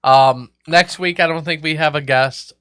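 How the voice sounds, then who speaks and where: Male host, crisp and forceful, casual profane banter. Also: on the high side, fairly even intonation, moderate pace, dry recording, studio quality. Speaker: podcast host.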